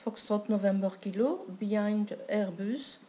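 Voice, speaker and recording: Hesitant, slow woman making pilot radio calls. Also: medium pitch, dark tone, a little hiss or hum. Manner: hesitant, halting delivery of set phrases. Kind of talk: air traffic control radio phraseology practice.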